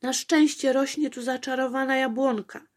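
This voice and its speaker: A woman's voice: sits high, steady tone, normal speed, voice pushed up, lightly acted. A woman voicing a fussy little princess who frets and exclaims breathlessly. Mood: fretful. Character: fussy little princess girl, easily worried.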